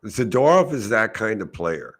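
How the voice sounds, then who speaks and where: Male podcast co-host, low register, dry and blunt. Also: sing-song, moderate pace. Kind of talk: casual sports chat.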